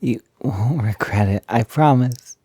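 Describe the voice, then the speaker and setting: Over clean, dry studio sound, a young man speaks unhurriedly in a warm, medium-pitched, slightly rough voice. He plays an eager, playful, feminine roommate in an intimate one-sided roleplay that feels improvised, coaxing and chatting with hesitation.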